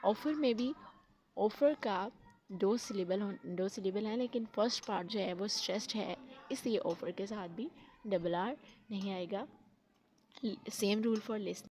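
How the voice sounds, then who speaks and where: A woman's voice: medium pitch, unhurried, long pauses, darkish tone, slight background noise. A woman teaching spelling rules, explaining patiently step by step and mixing in English terms.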